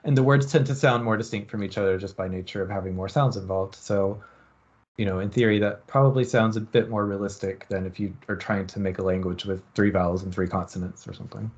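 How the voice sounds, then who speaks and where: A man with a low voice gives a university lecture in a loose, thinking-aloud way, filling his pauses with ums. The recording is dull and lo-fi. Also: steady tone, a little mellow. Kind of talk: university lecture on experiment design.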